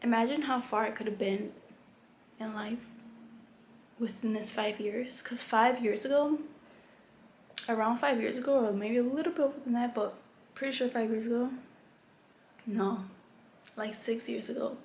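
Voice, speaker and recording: A woman's voice: on the high side, fairly even intonation, moderate pace, pauses often, darkish tone. A young adult woman vlogging in a candid, rambling way, full of "like" and restarts. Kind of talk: casual chat. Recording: echoey room, faint background hum.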